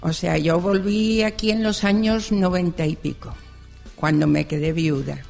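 At a public event, an older woman from Extremadura, Spain, a senior university student in the audience, gives a spontaneous testimony into a handheld microphone being passed around. Her voice is on the low side, creaky and warm, at a moderate pace, and she repeats phrases in an earnest, chatty way. Hall reverb and faint music surround her.

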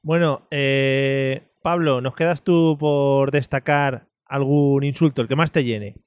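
A man's voice: medium pitch, steady tone, slow, clear, resonant tone, no room sound. A man hosting a chat podcast, steering the talk and laughing easily with his guests. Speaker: podcast host. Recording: dry close sound.

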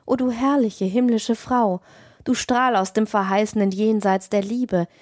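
A woman's voice: mid-range voice, fairly even intonation, unhurried, a little mellow, dry recording, studio quality, natural voice. A woman voicing a young male student who is feverishly in love, pleading ardently in a raised voice. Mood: rapturous.

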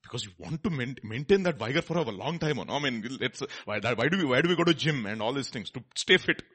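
Male preacher, Indian accent, husky and highly animated, teaching scripture through repetition and rhetorical questions. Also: quick pace. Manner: rhetorical questions and repeated phrases for emphasis. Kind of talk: expository sermon with question and answer.

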